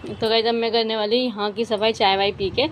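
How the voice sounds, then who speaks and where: A woman's voice: a little high, flat delivery, a little fast, slight background noise. A woman chatting straight to her viewers in a casual home cooking vlog, talking from her kitchen. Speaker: vlogger.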